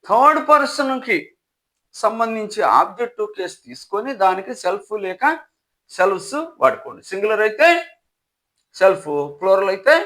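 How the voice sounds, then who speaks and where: Older guy teaching grammar, really high voice, slows way down for english examples. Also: pushed and bright. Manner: explains step by step, mixing in English examples; asks rhetorical questions to check understanding. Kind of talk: classroom explanation.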